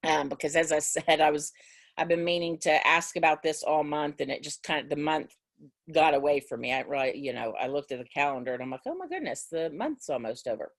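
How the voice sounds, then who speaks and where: A woman's voice: sits low, little pitch movement, fairly quick. Chatty woman teacher on a video call. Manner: rambling, chatty, many restarts. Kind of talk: casual class talk over a video call. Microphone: video call mic.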